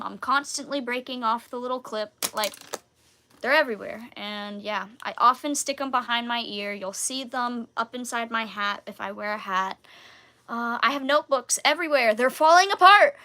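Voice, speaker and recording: A young woman answers viewer questions in a relaxed live Q&A. Her voice is bright and a little high, and she talks with many "um"s and giggles. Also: moderate pace. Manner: chatty, giggly, many fillers. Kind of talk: casual live Q&A.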